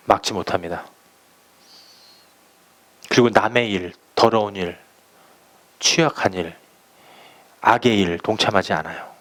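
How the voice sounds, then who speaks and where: A man preaching a sermon as pastor, speaking slowly and emphatically, and acting out little stories for his listeners. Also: lowish voice, fairly bright tone. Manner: emphatic preaching, slow deliberate phrasing, acting out anecdotes.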